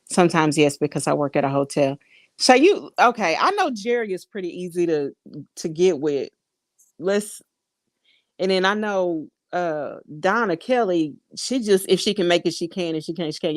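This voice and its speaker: A woman's voice: low-pitched, no echo. A woman chatting casually to her viewers, reading comments aloud and laughing often. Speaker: vlogger.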